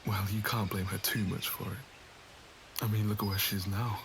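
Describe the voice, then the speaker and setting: Low-voiced suave noble lord, played by a man. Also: little pitch movement, normal speed, over music, lightly acted. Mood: smooth, needling. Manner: courtly, formal, knowing. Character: suave noble lord, old friend, smooth and needling. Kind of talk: ASMR romance roleplay.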